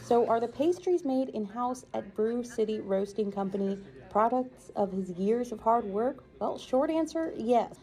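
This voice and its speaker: A woman's voice: fairly high pitch, lively intonation, a little slow, warm tone. A woman reporter reading a scripted news feature voice-over in an upbeat, playful way.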